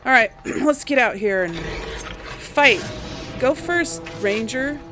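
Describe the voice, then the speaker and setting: Over background music, a woman with a slightly high voice gives casual let's play commentary on a role-play video game. She speaks slowly but animatedly, thinking aloud as she plays through it.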